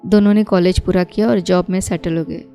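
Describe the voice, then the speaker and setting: A woman telling a scripted horror story in a measured, even narration. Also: on the low side. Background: faint background music.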